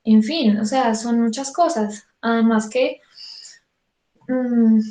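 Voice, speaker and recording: A woman's voice: fairly high pitch, takes it slowly, dark tone. Chatty Colombian woman vocal coach, echoey room. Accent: Colombian Spanish. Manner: chatty, acts out students' thoughts, repeats for emphasis. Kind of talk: online singing lesson.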